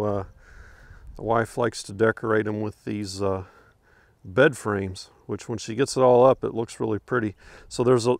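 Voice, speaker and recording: Standing in his garden with a handheld camera, an older man shows viewers around while chatting in an easygoing, rambling way full of fillers and chuckles. He speaks from behind the camera in a lowish, gravelly voice with no room sound.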